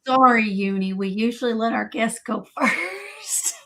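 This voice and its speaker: A woman's voice: fairly high pitch, very animated, unhurried, fairly bright tone. A woman hosting a live sale chat, friendly and upbeat as she starts things off. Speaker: host.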